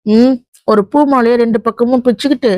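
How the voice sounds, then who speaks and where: A frank younger sister, read by a woman narrator scolds her older sister with blunt jokes. Her voice is fairly high. The recording is dry and close. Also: fairly even intonation, moderate pace, dark tone, no echo, close to an everyday voice. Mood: teasing scolding.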